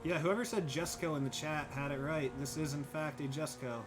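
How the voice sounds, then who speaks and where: A young male streamer livestreams a driving game, chatting casually, thinking aloud and thanking viewers by name. His voice is a little high and brisk, with background noise.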